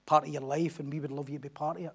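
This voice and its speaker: A man's voice: on the high side, little pitch movement, racing, breathy edge. A middle-aged man, a pastor delivering a sermon with emphatic, repetitive lines and rhetorical questions.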